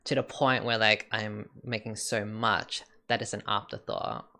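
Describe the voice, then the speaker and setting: A man's voice: on the low side, level tone, unhurried, gravelly, sharp tone. A young man, chatting casually as a podcast co-host and rambling with lots of "like" and "you know". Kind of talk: casual chat.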